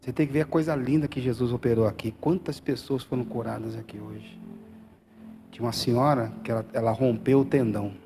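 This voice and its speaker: A man's voice: mid-range voice, fairly even intonation, fairly quick. Fervent male pastor preaching. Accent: Brazilian Portuguese. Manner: fervent, swings from quiet to loud calls; calls for amens from congregation. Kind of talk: sermon. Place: church hall.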